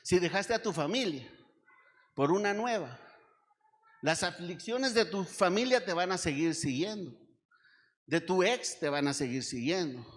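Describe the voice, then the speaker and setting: A man's voice: high voice, a bit bright, long reverb tail. A man with a Mexican accent preaching a sermon to his church, emphatic and full of rhetorical questions to the congregation. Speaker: pastor. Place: church service.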